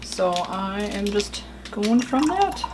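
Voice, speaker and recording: A woman's voice: mid-range voice, sing-song, takes it slowly, background noise. A middle-aged woman chatting casually through a cooking demonstration in her home kitchen, rambling a little with fillers and small laughs. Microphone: camera mic at some distance. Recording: roomy kitchen, voice a bit far off.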